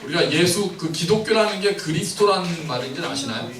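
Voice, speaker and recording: Brief: bright-voiced male preacher, playful and questioning, heard from a distance in a reverberant sanctuary. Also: high voice, lively intonation, fairly quick. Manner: playful, questioning, acts out the scripture scenes. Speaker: pastor. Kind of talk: lively sermon to a congregation with children. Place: church sanctuary. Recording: roomy church hall, mic at distance, faint noise.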